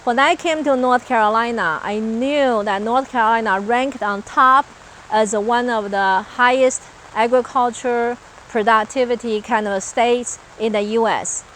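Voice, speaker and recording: This Taiwanese-accented woman from Taiwan has a fairly high, fairly bright voice with fairly even intonation, and she speaks a little slowly. An agricultural researcher, she explains her farm work outdoors on a farm in an earnest, list-like interview with some hesitations. The recording is low quality, with a little hiss or hum.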